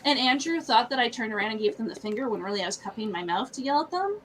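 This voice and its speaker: High-voiced woman ranting with laughter. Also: quick pace, slight background noise, poor audio. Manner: animated profane ranting, frequent laughter. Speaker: live stream co-host. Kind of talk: casual chat.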